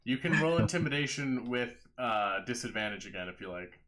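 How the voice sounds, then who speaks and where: A man's voice: medium pitch, animated, fairly quick, crowd noise. A man working as game master, narrating a live tabletop game in casual, profane banter. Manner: profane, informal.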